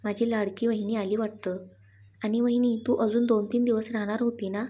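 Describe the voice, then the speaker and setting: A woman's voice: fairly high pitch, flat delivery, moderate pace, warm tone, lightly acted. A woman voicing a playful young sister-in-law who teases in a theatrical way. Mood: teasing. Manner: cheeky and theatrical.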